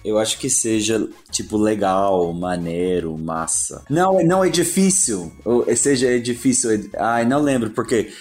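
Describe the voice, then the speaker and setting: A man's voice: on the low side, moderate pace, few pauses, a little mellow, soft background music. A man taking part in a casual quiz, thinking aloud hesitantly with many restarts. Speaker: quiz contestant. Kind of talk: casual game chat.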